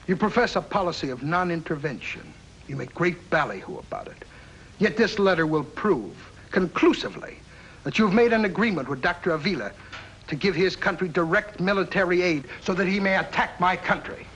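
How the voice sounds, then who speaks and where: A sneering scheming diplomat. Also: male voice, sits high, expressive, fairly quick, a bit bright, a little hiss or hum, low-quality recording. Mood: accusing. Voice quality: smug, mocking. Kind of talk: 1950s radio drama acting.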